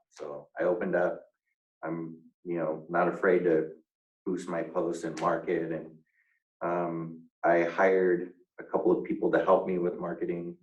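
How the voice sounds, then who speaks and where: A man with a very low voice talks through his business over a video call. He stops and restarts a lot and fills pauses with ums. The sound is roomy and a little distant from the mic. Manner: halting, many fillers and restarts. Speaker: real estate agent, interviewee. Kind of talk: casual video call interview.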